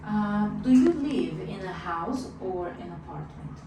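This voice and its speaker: A woman acting as an English speaking examiner in a mock test, asking short, clearly paced questions. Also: on the low side, animated, measured pace, mellow. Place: classroom. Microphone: distant room microphone. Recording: echoey room far from the mic, clear background noise.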